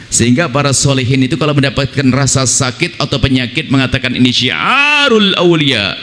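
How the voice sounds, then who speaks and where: A man preaching a sermon, swinging between high emphatic lines and low mocking impressions of other people's prayers. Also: fairly bright tone, big-room sound.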